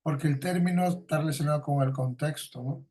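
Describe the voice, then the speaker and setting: A man's voice: fairly high pitch, brisk, warm tone. Man lecturing with constant "no?" tags. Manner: tags nearly every sentence with a questioning "¿no?"; explains by repeating points and giving everyday examples. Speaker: teacher. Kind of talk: lecturing a class.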